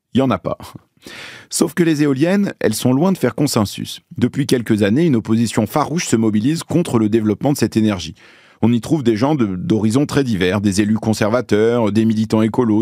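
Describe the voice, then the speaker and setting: Low-voiced man hosting a podcast. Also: darkish tone, no room sound, studio quality. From Lebanon. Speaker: podcast host. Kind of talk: scripted podcast narration.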